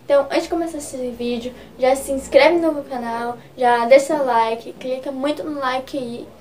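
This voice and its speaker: Explaining regional slang in a casual vlog, a chatty gaúcha woman from Rio Grande do Sul speaks with a Gaúcho Brazilian Portuguese accent. Her high voice is steady and a little mellow at a moderate pace, and she leans on fillers while gesturing a lot with both hands.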